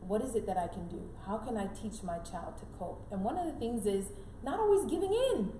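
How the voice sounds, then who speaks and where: Raised in Canada after being born in Jamaica, this middle-aged woman speaks as an interview guest, giving earnest advice with emphasis and repeated key phrases. Her voice is fairly high, warm and expressive, a little fast. The recording has a roomy echo and clear background noise.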